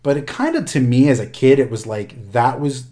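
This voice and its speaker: A man co-hosting a casual chat, animated and joking, with many fillers and restarts. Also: medium pitch, moderate pace. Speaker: podcast co-host.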